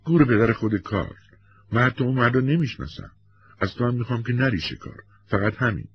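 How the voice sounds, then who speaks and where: A man's voice: medium pitch, animated, breathy edge, lo-fi sound, pitched above the performer's own voice. A man voicing an anxious, insistent young wife. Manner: pleading, sharply insistent.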